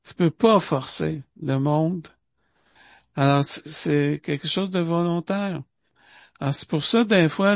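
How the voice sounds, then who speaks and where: A man's voice: on the high side, gravelly, no echo. A man with a Québécois accent giving an informal spiritual talk. He speaks conversationally, with lots of asides and repetitions. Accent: Québécois French. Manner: conversational, repeats itself and fills pauses with asides.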